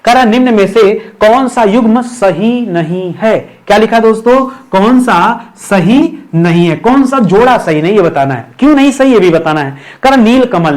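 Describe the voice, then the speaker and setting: A man teaching a grammar lesson for exam preparation, repeating key terms and checking in with his listeners. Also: sits high.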